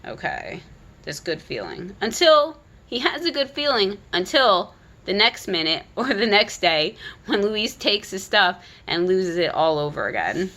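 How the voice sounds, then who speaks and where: A woman's voice: mid-range voice, big pitch swings, unhurried, fairly bright tone. A woman, a parent, giving a frank, opinionated casual commentary on a children's book, full of "like" and "you know.".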